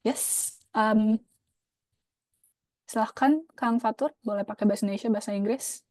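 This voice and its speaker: A woman moderates an artist talk, her voice mellow and recorded close and dry. She invites questions and comments from the audience in a fluent, open way. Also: fairly high pitch, normal speed, dry recording. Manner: fluent, inviting, switches between languages. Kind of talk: moderating a discussion.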